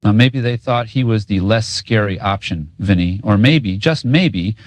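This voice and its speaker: A man with a slightly low voice plays co-host in a scripted political rant. He talks in sarcastic, cynical street language full of swearing. The recording is dry, with hardly any room sound. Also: measured pace, no echo.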